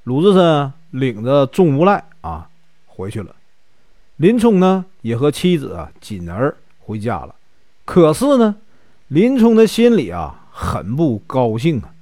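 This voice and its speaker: A man's voice: mid-range voice, huge pitch swings, a little slow, warm tone, no echo, clean studio sound. A man with a Northeastern Mandarin accent telling a classic tale in a casual, chatty way, stretching his filler particles. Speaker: storyteller. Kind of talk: casual storytelling narration.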